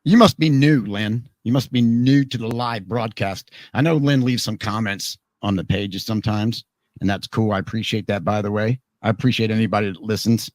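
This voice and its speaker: On a dry recording, a male radio program host keeps up casual live talk-show banter at normal speed. His voice sits on the low side and sounds hoarse and tired, and he jokes, rambles, and restarts his sentences.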